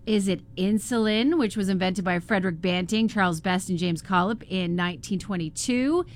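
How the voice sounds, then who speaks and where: A woman presenting a morning radio show in a casual, chatty style. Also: medium pitch. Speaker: radio host.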